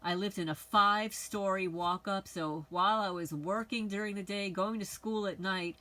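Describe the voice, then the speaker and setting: A woman's voice: medium pitch, steady tone, moderate pace, sharp tone, low-quality recording. A middle-aged woman from the Bronx, talking to her channel's viewers in a rambling, frank, conversational monologue. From the Bronx, New York. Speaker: channel host. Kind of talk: casual personal monologue.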